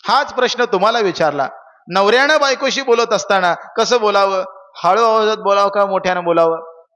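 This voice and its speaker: A man's voice: high voice, normal speed, sharp tone, long reverb tail. A young man preaching a kirtan sermon, telling stories and asking the audience questions. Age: young adult.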